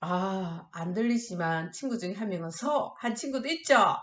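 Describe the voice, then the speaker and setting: A middle-aged woman delivers an animated online anti-smoking lecture to high school students at normal speed, with group exercises built in. Upbeat and encouraging, she has them shout chants and join clapping games. The audio is reverberant.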